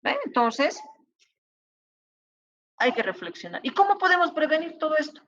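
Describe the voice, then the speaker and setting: A woman's voice: sits high, sing-song, normal speed, fairly bright tone, dry recording, lo-fi sound. A woman lecturing medical students, giving advice and acting out exchanges between colleagues. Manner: advising, acts out colleagues' dialogue. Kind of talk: university lecture.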